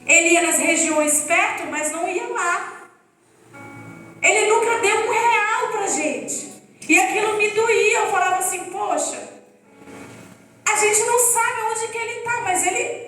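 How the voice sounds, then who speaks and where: A woman with a strikingly high voice tells her personal testimony with earnest emotion before a church congregation. She sounds distant from the mic, her words ringing through a very echoey hall. Faint music sits underneath. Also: a bit bright. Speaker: church member giving a testimony.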